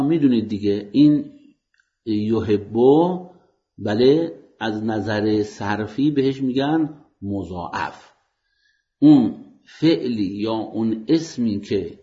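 Guy lecturing on grammar, warm tone, kinda lo-fi audio, formal and polite, quizzes listeners. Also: medium pitch. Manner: explanatory, poses questions to listeners then answers them. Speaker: teacher of Quranic Arabic grammar.

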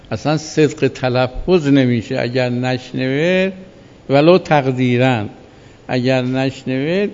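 A man's voice: mid-range voice, a little mellow. A man teaching a seminary jurisprudence class, explaining step by step and checking with students whether they follow. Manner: explanatory, asks "right?" to check understanding. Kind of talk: jurisprudence lecture. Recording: dull echoey recording in a large hall.

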